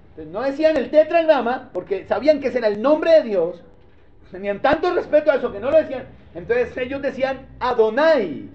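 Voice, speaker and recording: A pastor teaches his congregation in a very high voice. He keeps stopping to ask whether they follow. The recording sounds dull and lo-fi. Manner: conversational, keeps checking in with the congregation. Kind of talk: teaching sermon.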